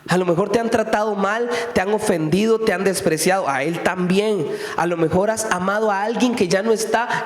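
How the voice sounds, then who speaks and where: Pastor, male, high voice, chatty sermon full of rhetorical questions, roomy reverberant hall. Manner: conversational preaching with frequent rhetorical questions. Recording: echoey hall with long reverb.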